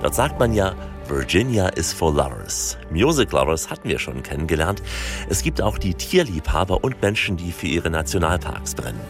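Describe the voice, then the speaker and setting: A man's voice: deep voice, sing-song, moderate pace. A man hosting a radio travel program, narrating from a script with a playful, rhyming opening. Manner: playful rhyming intro, then storytelling. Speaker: radio travel show host. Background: music bed.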